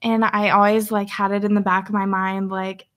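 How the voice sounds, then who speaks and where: A woman's voice: mid-range voice, level tone, moderate pace, a bit bright. A young woman from Pennsylvania, a podcast guest chatting casually, giggly and saying "like" often. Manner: giggly, says "like" a lot. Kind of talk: casual chat.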